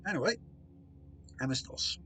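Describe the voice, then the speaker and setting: A man is live-streaming and chatting casually with his viewers, reading their messages aloud in a soft, soothing voice with self-deprecating humour. He speaks at a moderate pace, and faint music plays behind him.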